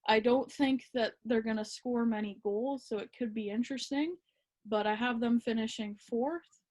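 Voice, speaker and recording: Higher-pitched woman chatting casually. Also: moderate pace. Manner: relaxed, hesitant with many ums and laughs. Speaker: podcast co-host. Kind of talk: casual hockey chat.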